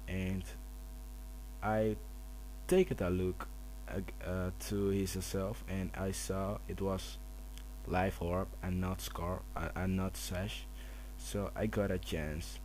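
At home at night with others asleep, a gamer quietly narrates his own battle in casual commentary. His low voice is hushed, slow and flat so as not to wake anyone. A noisy camera mic adds hum.

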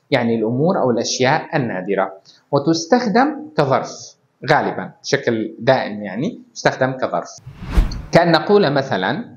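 A man teaching a language lesson, reading example sentences slowly between explanations. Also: mid-range voice. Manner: slow, drawn-out Turkish example sentences between Arabic explanations. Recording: echoey room, dull lo-fi sound.

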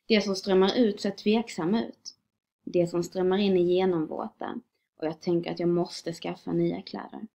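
A woman reading a short story aloud in a calm, measured way. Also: on the low side, creaky. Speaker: reader. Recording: dull lo-fi recording.

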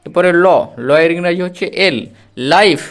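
A man teaching a spelling lesson, slowly repeating and spelling out words letter by letter. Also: high voice, fairly even intonation, a bit bright. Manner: slow, repetitive drilling, spells words out letter by letter.

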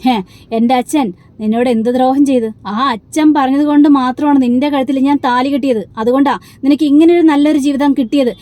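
Desperate young man begging for his father, brisk and mellow, read by a woman. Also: sits high, steady tone, natural voice. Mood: angry. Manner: pleading, insistent.

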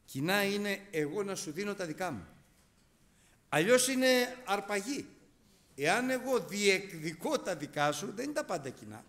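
A man's voice: high voice, sing-song, fairly bright tone. A middle-aged man preaching a sermon, emphatic and repeating key phrases, telling stories with quoted dialogue.

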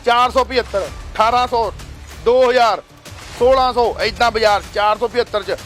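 A man, promoting a textile shop in a pushy way and listing prices quickly. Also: very high-pitched, fairly even intonation, fairly bright tone, soft background music. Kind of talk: fast sales promo video.

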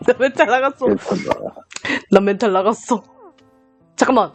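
A woman chatting casually during a live dubbing session, with an animated, teasing and exclamatory manner. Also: a little high, normal speed. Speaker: amateur voice performer in a dubbing session. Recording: music behind the voice. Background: background music.

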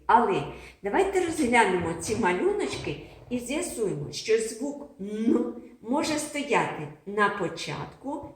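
A woman teaching young children a phonics lesson, slowly sounding out syllables and repeating words for them to copy. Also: medium pitch, slight background noise. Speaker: preschool teacher. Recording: echoey room.

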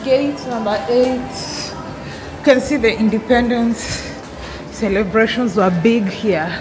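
A woman's voice: on the high side, slow pace. A woman in her thirties with a Kenyan accent chatting casually and upbeat as a travel vlogger. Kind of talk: casual vlog chat. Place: in a moving car and busy airport halls. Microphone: handheld camera at arm's length. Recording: loud car and airport ambience noise.

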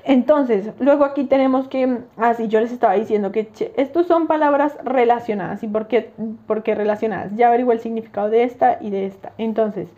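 A woman's voice: fairly high pitch, a little fast, narrow, tinny audio. A young woman casually talking through her language study notes, often checking in with listeners. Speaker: language-learning vlogger.

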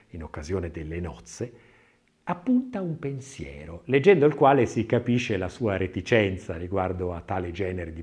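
Narrating an audiobook, this low-voiced man gives a scripted literary reading that is expressive and dramatic, with carefully measured phrasing.

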